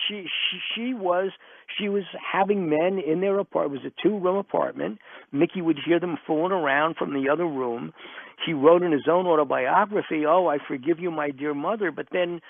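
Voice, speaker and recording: Speaking at a moderate pace in a high-sitting, creaky voice, this man is an interview guest and author who builds his points through emphatic repetition while telling lively stories. The radio-style audio is band-limited, narrow, and tinny, recorded close and dry with no room sound.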